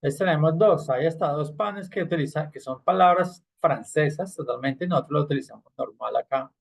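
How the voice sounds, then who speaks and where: A man's voice: on the high side, fairly quick, vocal fry. A man teaching an online English class, explaining patiently and checking in with frequent tag questions.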